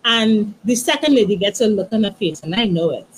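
A woman in her thirties, a guest author, tells her story in a soft, halting way, with many restarts and "you know". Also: medium pitch, expressive, a little hiss or hum, rough recording. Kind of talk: emotional personal storytelling.

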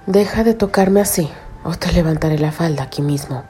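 Brief: woman reader voicing an urgent, hushed young husband, low and mellow. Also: brisk, faint music behind, lightly acted. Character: passionate young adult husband, lover.

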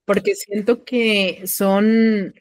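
Extremely slow and with little pitch movement, this young woman's mid-range voice carries a Mexican Spanish accent, with no echo in the recording. She's a podcast co-host in casual chat, full of slang and fillers, hesitating as she thinks out loud.

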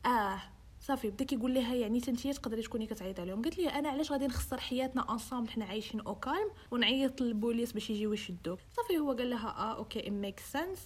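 A woman's voice: fairly high pitch, lively intonation, rapid-fire, husky. A young woman with a Moroccan accent telling a true-crime story in casual chat, switching into English and acting out the quoted dialogue. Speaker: host.

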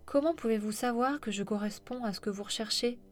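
A woman's voice: on the high side, brisk, soft background music, lightly acted. A woman voicing an anxious young woman who is startled and doubtful, speaking urgently. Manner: urgent, pleading.

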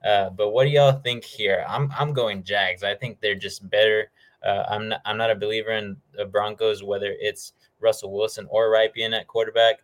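A man's voice: on the low side, fairly even intonation, moderate pace, rough recording. A man hosting a sports show, talking casually and informally through his game predictions. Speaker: host of a football picks show.

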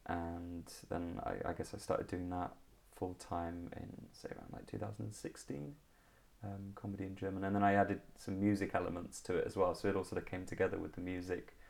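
A Liverpool man in his thirties, English with a Liverpool accent, speaks as a comedian guest in an interview, chatting casually with lots of ums and restarts. His voice is low-pitched and creaky with a darkish tone, delivered flatly at a fairly quick pace.

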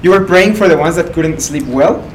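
A young man hosts a podcast interview, halting and filler-heavy as he frames his questions. His voice is slightly high for a man. The mic sits away from him and a steady background noise runs underneath. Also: far from the mic, rough recording. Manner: hesitant, many fillers, soft affirmations. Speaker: podcast host.

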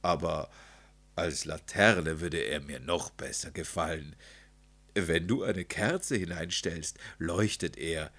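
A man voicing a kindly old lamplighter in a story, calm and soft-spoken. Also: low voice, takes it slowly, pitched below the performer's own voice, full character voice. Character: old, slow-footed male lamplighter, kindly.

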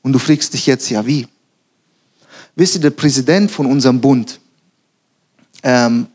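A young man preaching a sermon, telling animated stories, acting out quotes and laughing at himself. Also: mid-range voice, normal speed, slightly rough.

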